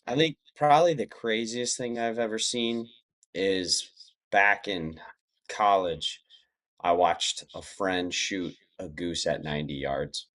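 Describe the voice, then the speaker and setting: A man's voice: deep voice, takes it slowly, a bit bright. A man chatting casually as an interview guest, talking in a plainspoken, reflective way. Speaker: podcast guest.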